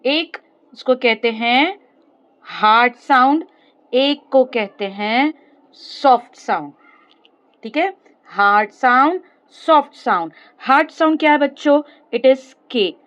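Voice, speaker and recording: A woman's voice: high-pitched, highs cut off. A woman with an Indian accent teaches pronunciation in a classroom style, mixing two languages and asking questions she then answers herself. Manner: asks and answers her own questions. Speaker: English teacher. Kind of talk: classroom-style explanation mixing Hindi and English.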